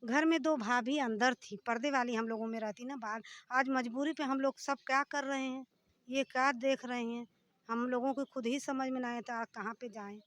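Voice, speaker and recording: A high-pitched woman speaks in a distressed, pleading rush as she is interviewed outdoors for a news report. She tells a long, run-on account from beside a demolished house. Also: fairly even intonation, normal speed, fairly bright tone, no room sound. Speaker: interviewee, family member of the house owner.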